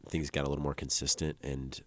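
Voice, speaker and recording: A man's voice: a bass voice, flat delivery, quick pace, fairly bright tone, no room sound. A man talking casually as an interview guest, in a laid-back, rambling way full of "like" fillers, recorded close to the mic. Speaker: musician guest. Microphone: close microphone.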